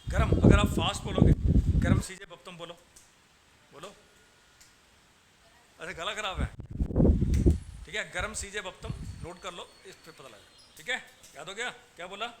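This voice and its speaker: A man's voice: high voice, moderate pace, pauses often. A man teaching a geography class, quizzing his students, repeating drills and calling them "beta". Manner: calls students "beta" and "bachche". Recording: loud background noise and clicks.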